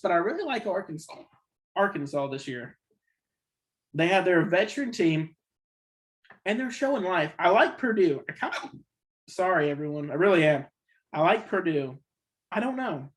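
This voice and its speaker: A man's voice: high-pitched, big pitch swings, normal speed, long pauses. A man hosting a casual sports podcast, rambling and opinionated, correcting himself often, with the hiccups. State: has the hiccups. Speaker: podcast host.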